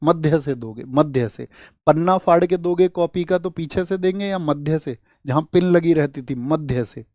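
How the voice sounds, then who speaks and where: A male teacher from India gives an exam-prep lecture in a fairly high voice, with a dry and close sound. He keeps asking his class questions and hammers answers home by repeating them. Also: moderate pace, no echo. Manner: lively, asks the class questions, rhetorical repeats.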